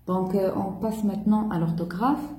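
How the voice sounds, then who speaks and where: A woman teacher, slowly correcting a primary school French test step by step. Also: medium pitch, fairly even intonation, dark tone, reverberant, rough recording. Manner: slow, spells out each step.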